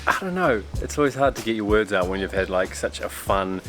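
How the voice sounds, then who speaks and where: A young man in casual vlog chat, relaxed and chatty, talking while tasting food. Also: fairly low pitch, fairly quick, soft background music. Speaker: travel vlogger.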